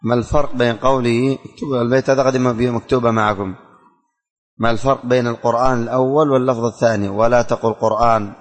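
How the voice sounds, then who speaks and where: A man teaching a religious lesson in a classroom, speaking slowly and deliberately, repeating lines for students to write down and quizzing them. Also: medium pitch, fairly even intonation. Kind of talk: classroom lesson dictating and explaining verses. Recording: long hall reverb, faint music.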